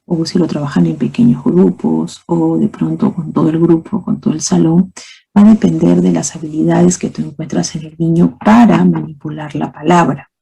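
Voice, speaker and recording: A woman lectures teachers in a calm, explanatory way, often closing her points with "¿ok?". Her voice is very dark and mellow, with a gravelly, somewhat husky edge. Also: low voice, moderate pace, low-quality recording. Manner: explanatory, asks rhetorical questions, says "¿ok?" and "¿no?" often. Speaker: teacher trainer. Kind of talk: methodology lecture.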